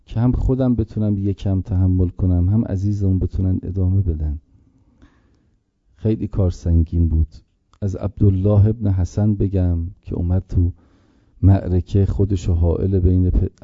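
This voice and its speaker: A man preaching a religious sermon, impassioned, slowing into a chanting mourning lament, on a dull lo-fi recording. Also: sits low, mellow, no echo. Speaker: preacher reciting a mourning elegy.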